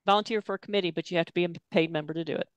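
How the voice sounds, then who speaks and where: Smooth, dry-sounding woman panelist. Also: lowish voice, racing, no echo, highs cut off. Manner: brief and direct. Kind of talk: panel discussion.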